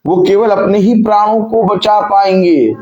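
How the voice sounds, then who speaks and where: A man's voice: sits high, a little slow, darkish tone, highs cut off. A male preacher delivering a sermon, repeatedly putting rhetorical questions to his congregation and drawing call-and-response answers.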